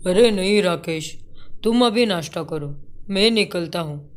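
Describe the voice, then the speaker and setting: A woman's voice: fairly low pitch, expressive, measured pace. A woman voicing a short-tempered young husband in a cartoon story, scolding sharply. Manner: angry, scolding.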